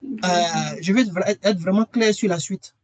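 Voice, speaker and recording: A man's voice: sits high, unhurried. A man presenting a webinar and earnestly persuading listeners to join his training course, repeating key phrases for emphasis. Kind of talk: webinar sales pitch.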